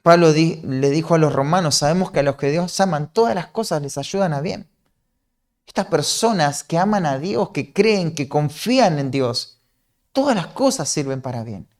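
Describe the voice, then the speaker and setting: Argentine guy preaching, rioplatense accent, kinda high voice, keeps asking ¿no?. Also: expressive, normal speed, a little mellow. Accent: Rioplatense Spanish. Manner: earnest, explanatory, often ends points with a questioning "¿no?". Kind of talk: sermon.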